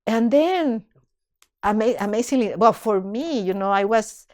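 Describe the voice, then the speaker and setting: A woman's voice: fairly high pitch, lively intonation, unhurried, a little mellow. Earnest, emotional woman telling stories. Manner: earnest, emotional, with frequent restarts. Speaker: podcast guest, community leader and dance teacher. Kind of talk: reflective conversational storytelling.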